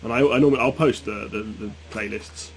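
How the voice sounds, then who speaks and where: A man with a fairly low voice talks casually as a streamer playing a game live. There is faint noise and game ambience behind him as he chats to his viewers. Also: brisk. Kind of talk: casual live gameplay chat. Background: game sound and ambience.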